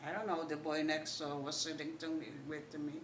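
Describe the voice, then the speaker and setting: An elderly woman from Poland with a Yiddish accent tells her life story in an animated way, retelling remembered dialogue. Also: low voice, a little fast. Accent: Polish Yiddish. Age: older, 80s. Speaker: Holocaust survivor giving testimony. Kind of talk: oral history storytelling. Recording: echoey room, distant mic, faint noise.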